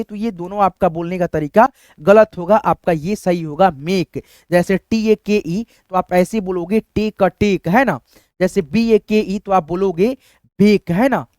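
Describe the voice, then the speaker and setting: A man's voice: high-pitched, darkish tone, clear, resonant tone, no echo, clean studio sound. A male teacher giving a step-by-step phonics lesson, asking questions and answering them himself and checking in with his students often. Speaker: English teacher.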